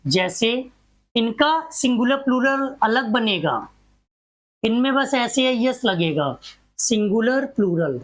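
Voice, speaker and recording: A woman's voice: a little high, lively intonation, takes it slowly. A woman teaching a grammar class, drilling examples one by one and asking rhetorical questions that she answers herself.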